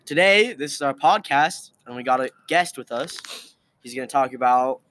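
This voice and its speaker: A man co-hosting a casual podcast, talking in a halting way with many fillers. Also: medium pitch, animated, fairly bright tone. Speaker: co-host.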